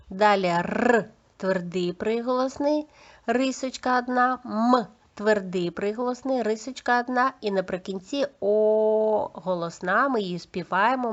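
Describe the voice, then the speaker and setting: A woman teaching preschoolers to read, speaking clearly and deliberately and praising them often. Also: mid-range voice, dull audio. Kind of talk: slow instructional lesson for young children.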